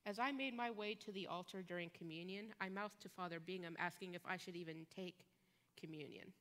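A woman preaching a sermon as a guest preacher in a church, measured and emphatic, pausing on key words. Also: on the low side, fairly bright tone. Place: church sanctuary. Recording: long church reverb.

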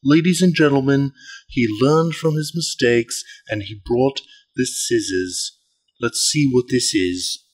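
A man putting on a polite, earnest golf commentator, giving measured, deliberate mock sports commentary. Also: medium pitch. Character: mock golf announcer, male, polite, earnest, calling an unboxing.

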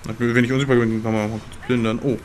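A young man commentating his gameplay in a slangy, excitable way and talking back to the game characters. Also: mid-range voice, rapid-fire, slight background noise. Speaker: let's play gamer.

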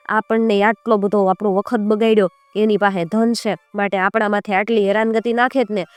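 A woman's voice: medium pitch, a little mellow, clear, resonant tone, no room sound, lightly acted. A scheming town police chief, as a woman storyteller plays him, pressing his case. The voice is dry and close, with faint music under it. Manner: insistent, accusing.

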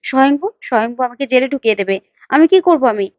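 Woman voicing a frantic runaway uncle, whiny and repeating himself, high pitch. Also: expressive, fast talker, a little mellow, no echo, muffled recording. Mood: panicked. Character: panicking male fugitive uncle, scared and whiny.

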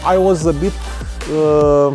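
A man's voice: a little high, fairly even intonation, slow pace, darkish tone, faint music behind. A man in his thirties, a vlogger, hesitantly reviewing skis outdoors at the foot of a ski slope, speaking with many fillers and restarts to a camera at medium distance. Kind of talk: casual product review vlog. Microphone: camera on a tripod at medium distance.

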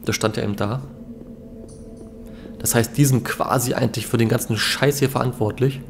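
A man's voice: medium pitch, fairly even intonation, normal speed, gravelly, over music. A young man giving casual let's play commentary in a laid-back, musing way. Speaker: let's player. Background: game ambience.

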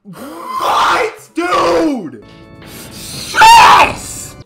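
A man's voice: very high voice, huge pitch swings, drawn-out words, creaky. A man in his twenties reacting live to video games as a streamer, in incredulous, sweary outbursts into a headset mic. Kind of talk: excitable live gaming reactions. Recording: loud game music behind the voice. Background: video game music.

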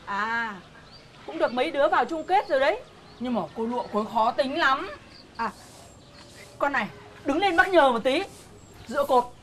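A woman's voice: sits high, lively intonation, moderate pace, pauses often, slight background noise. A gossipy older village woman. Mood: gossiping. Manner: chatty, gossiping, bossy.

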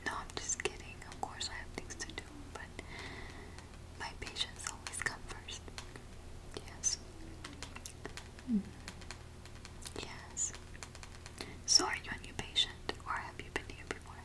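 A woman in a whispered role-play as an easygoing eye doctor, murmuring softly to a patient and pausing for replies. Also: poor audio. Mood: casual, chatty. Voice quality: soft, breathy, unvoiced whisper. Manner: halting, murmured one-sided conversation with pauses for replies. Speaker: ASMR performer. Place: small home office, indoors. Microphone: large microphone close beside her.

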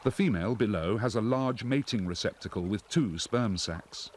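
A man reading scripted nature documentary narration in a measured, explanatory way. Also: fairly low pitch, a little hiss or hum.

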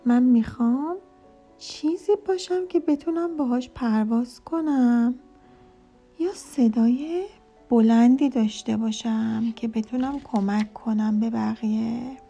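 A woman's voice: on the high side, gravelly, warm tone, faint music behind. A woman voicing a curious, eager little girl in a read-aloud children's story. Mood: earnest.

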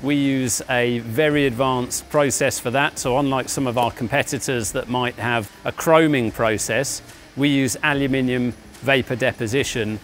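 Man guiding a factory tour. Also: mid-range voice. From England. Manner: measured, explanatory, with frequent "uh" fillers. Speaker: company founder giving a factory tour. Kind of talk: guided walking tour presentation. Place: large indoor offices and factory floor. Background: faint music.

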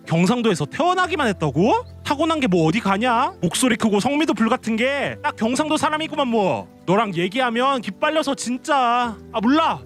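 A man's voice: very high voice, a bit bright, heavily acted. A young man playing an evasive husband who stammers and then brushes off the blame. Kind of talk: Korean web-toon radio drama acting.

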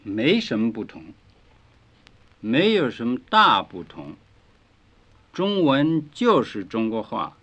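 A man teaching a scripted language lesson, speaking in slow, carefully enunciated drill phrases, on a dull lo-fi 1950s record. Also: mid-range voice, sing-song, a bit bright.

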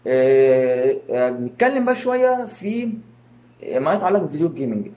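A man's voice: on the high side, sing-song, brisk, dark tone, highs cut off. A man with an Egyptian Arabic accent, hosting his own channel and talking to his viewers in a rambling way, with many fillers and restarts. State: tired. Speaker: YouTube channel host. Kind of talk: casual channel update to viewers.

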